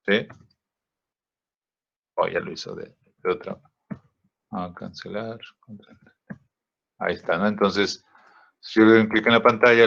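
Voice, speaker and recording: Guy teaching a software class, low voice, slow and halting, dull muffled audio. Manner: slow, halting, many fillers and rhetorical checks. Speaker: design teacher. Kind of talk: software tutorial lesson.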